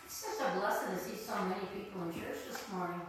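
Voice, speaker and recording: A woman's voice: medium pitch, lively intonation, fast. Congregation member, woman, personal testimony. Picked up at a distance with faint noise behind. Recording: echoey church, distant mic, faint noise.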